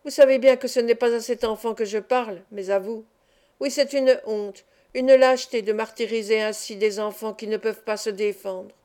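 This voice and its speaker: A woman's voice: fairly high pitch, fairly even intonation, measured pace, lightly acted. A woman reading an audiobook and voicing an indignant old street performer who speaks with force. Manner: forceful and outraged.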